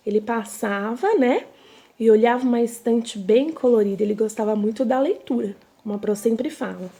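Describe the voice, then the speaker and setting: A woman's voice: fairly high pitch, normal speed, warm tone. A young woman teaching a recorded reading lesson to young children, with a Brazilian Portuguese accent, patient and drawn out, repeating each word. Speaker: primary school teacher.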